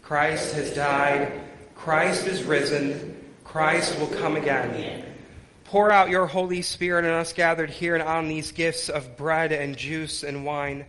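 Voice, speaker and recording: Man, fairly high-pitched voice, pastor, solemn worship delivery, measured short phrases, preaching and liturgical recitation. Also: steady tone, background noise. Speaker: pastor leading worship and communion. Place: church worship service.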